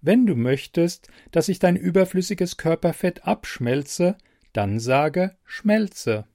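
A prim household beauty computer talks in formal, mechanical sentences, as a man puts it on. It speaks slowly and a little high, with wide swings in its delivery. The sound is close and dry. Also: expressive, mellow, dry recording, heavily acted. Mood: polite mechanical. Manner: polite, formal, mechanical phrasing. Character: bumbling female-addressing beauty computer, polite, robotic. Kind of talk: audiobook reading.

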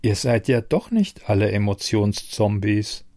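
A man voicing a rugged male fugitive who speaks low and terse. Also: animated, unhurried, dark tone. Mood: guarded.

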